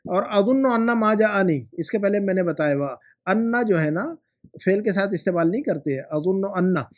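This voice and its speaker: A man teaches Arabic grammar, patiently correcting homework and repeating words slowly. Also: high-pitched, expressive. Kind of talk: explanatory lesson.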